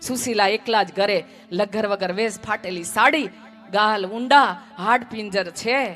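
A woman's voice: medium pitch, unhurried, fairly bright tone, soft background music. A woman telling a devotional story at a village religious gathering, acting out the dialogue with dramatic swells and drops.

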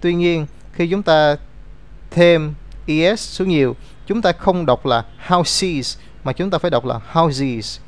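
A man's voice: fairly high pitch, a little slow. A man teaching an English grammar lesson, explaining rules step by step and reading out example words.

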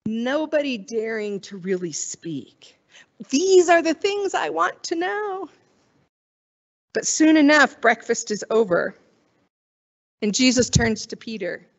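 A woman's voice: on the high side, big pitch swings, slow, long pauses. A woman pastor giving a sermon in a conversational way, wondering aloud and acting out the quoted voices.

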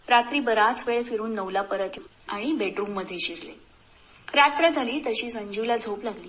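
A woman storyteller reading a thrilling story aloud in a measured, suspenseful way. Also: mid-range voice.

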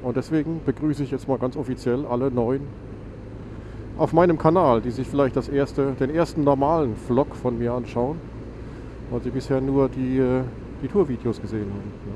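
A man's voice: mid-range voice, normal speed. Stuffy-nosed man on a motorbike. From Germany. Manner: rambling, self-correcting, lots of fillers. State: stuffy, nasal from a cold. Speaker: motovlogger. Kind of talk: casual chat while riding. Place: outdoors on a motorcycle on a country road. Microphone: helmet mic on a motorcycle. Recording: noisy motorcycle wind and engine.

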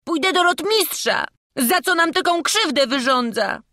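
A woman's voice: high-pitched, animated, sharp tone, no echo, studio quality, full character voice. A bold peasant boy. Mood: indignant. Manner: bold, pleading, quick to protest. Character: brave cheeky peasant boy apprentice. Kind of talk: audiobook character voice.

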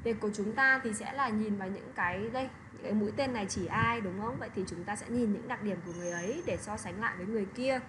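A woman with a mid-range voice explains an English lesson to children online, talking fast with hardly any pauses. She keeps checking in with little tag questions. There's background noise.

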